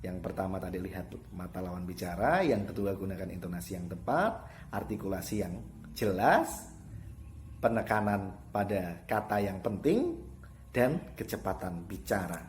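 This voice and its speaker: A man's voice: deep voice, very animated, moderate pace, slight background noise. A man teaching students in an online lesson, explaining each point and repeating the key terms.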